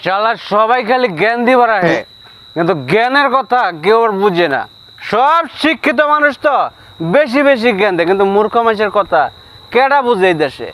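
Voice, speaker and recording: A man's voice: high-pitched, lively intonation, brisk, fairly bright tone, rough recording. A man playing an aggrieved, uneducated working-class drunk in a comedy skit, with slurred speech and a Bangladeshi accent. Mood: bitter lament.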